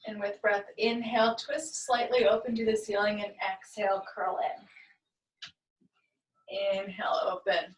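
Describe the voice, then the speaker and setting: A woman movement teacher guiding a class through gentle stretches with calm, step-by-step cues. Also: medium pitch, measured pace. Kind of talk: guided movement class instruction. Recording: echoey room, far from the mic.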